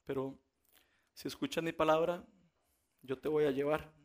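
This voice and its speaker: A preacher voicing a gentle, hushed divine voice. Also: male voice, on the high side, fairly even intonation, moderate pace, close to an everyday voice. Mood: tender. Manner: soft, hushed, reassuring. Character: gentle forgiving divine male voice, patient guide. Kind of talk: sermon.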